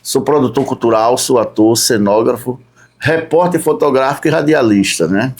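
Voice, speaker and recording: A man from Recife, a podcast guest talking through his tourism work in an unhurried way. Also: medium pitch. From Recife, Brazil. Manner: unhurried, lists his work step by step with frequent "né?". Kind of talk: casual interview chat.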